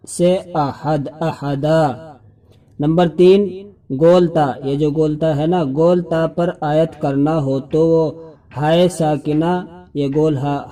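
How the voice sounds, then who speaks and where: A young man teaching Quran reading, spelling out syllables slowly and chanting the verses. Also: a little high, mellow. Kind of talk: spelling-out lesson with chanted recitation.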